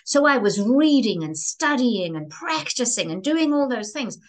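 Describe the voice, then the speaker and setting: A woman speaking as a guest in an interview, expressive and theatrical, with lively emphasis on key words. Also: fairly high pitch, unhurried. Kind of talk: enthusiastic interview conversation.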